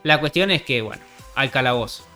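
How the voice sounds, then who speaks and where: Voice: medium pitch, lively intonation, fairly quick, pushed and bright, faint music behind. A storyteller with a Rioplatense accent retelling a tale in a casual, joking, slangy way. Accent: Rioplatense Spanish. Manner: slangy, joking, with frequent restarts and laughter.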